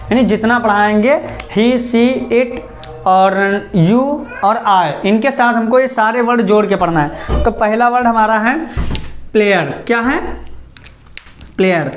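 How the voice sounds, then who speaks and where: A man teaching a classroom spoken-English lesson. He keeps asking a question and answering it himself, and he slows down to spell out example sentences word by word. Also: high voice, a little hiss or hum.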